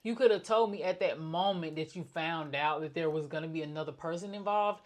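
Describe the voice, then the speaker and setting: A woman co-hosting a podcast in casual chat, speaking in a flat, nonchalant, one-tone way. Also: low voice, brisk. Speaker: podcast co-host.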